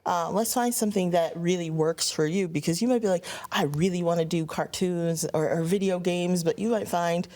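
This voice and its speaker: A woman's voice: on the low side, normal speed, hardly any pauses. A young adult woman, a voice actor, talking about her work in an interview and briefly acting out the lines she quotes. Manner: animated, acts out quoted lines. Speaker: voice actor guest. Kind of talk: conversational interview.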